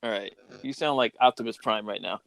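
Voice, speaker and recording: A man's voice: on the low side, fairly quick, gravelly, a bit bright, dry recording. A man hosting a podcast in casual chat, exclaiming and thinking aloud with restarts. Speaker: podcast host.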